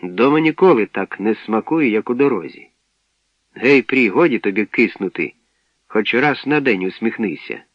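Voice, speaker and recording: A man voicing a cheerful young girl with a bright, coaxing manner, on a dull lo-fi radio recording. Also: fairly low pitch, lively intonation, normal speed, no room sound.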